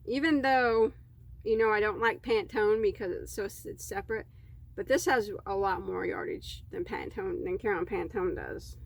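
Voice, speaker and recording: A woman's voice: mid-range voice, moderate pace, vocal fry. A woman crochet vlogger chatting casually as she unboxes yarn, easily delighted and rambling in asides.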